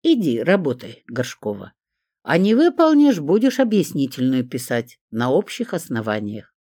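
A reader doing a gruff teasing older boss. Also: medium pitch, huge pitch swings, normal speed, darkish tone, dry recording, clean studio sound. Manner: bossy, teasing, commanding. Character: gruff joking older male boss, smoker.

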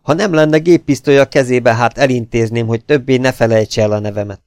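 A man reading aloud, voicing a stocky, hot-tempered older sailor who bursts out in rough, indignant shouts. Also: medium pitch, steady tone, dry recording, studio quality, lightly acted. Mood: angry.

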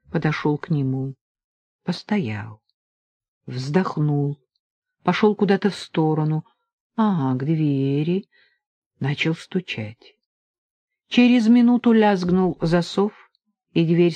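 A woman narrating an audiobook in a calm, measured way. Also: low-pitched, dry recording. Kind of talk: scripted narration.

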